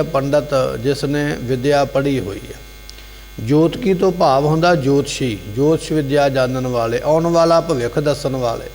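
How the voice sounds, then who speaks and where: A man expounding scripture as a preacher in a gurdwara, in short repeated phrases with rhetorical questions. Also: mid-range voice. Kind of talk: devotional scripture exposition. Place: gurdwara hall. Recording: long hall reverb, faint hum.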